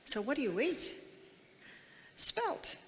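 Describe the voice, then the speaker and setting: A woman's voice: on the high side, animated, unhurried, fairly bright tone. Woman, seminar speaker, quizzes the crowd emphatically; reverberant hall sound. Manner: emphatic, asks many rhetorical questions. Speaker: health educator giving a seminar. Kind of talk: live lecture to an audience.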